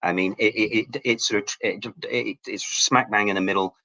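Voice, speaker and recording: A man's voice: on the low side, steady tone, pushed and bright. A man from Hong Kong, a guest telling stories in a casual interview, often restarting his words. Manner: rapid, with frequent word restarts. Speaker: guest, local relic hunter.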